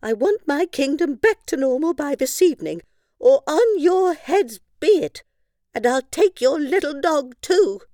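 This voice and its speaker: Storybook cow queen, imperious and sneezy, loud and high; played by a woman. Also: animated, unhurried, dry recording, studio quality. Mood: demanding. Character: bossy, sneezy female cow queen on a poster.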